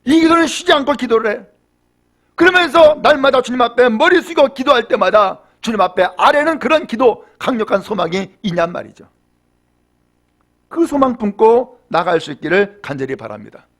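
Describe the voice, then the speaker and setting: A male pastor preaching a Sunday sermon in church, moving between hushed storytelling and raised, fervent exhortation, with rhetorical questions to the congregation. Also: extremely high pitch, lively intonation, moderate pace. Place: church during Sunday service.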